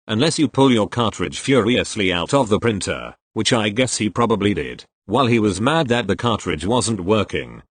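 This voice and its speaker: A narrator with a fairly low voice reads online retail stories in scripted narration, steadily and even speaking punctuation marks aloud. His pitch still shifts a lot from line to line, and the sound is close and dry with no room echo.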